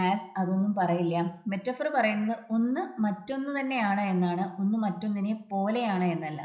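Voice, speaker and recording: In an exam prep lesson, a woman tutor with a mid-pitched voice goes through grammar point by point, reading English example sentences slowly and deliberately. The room recording sounds dull and muffled, with a roomy echo.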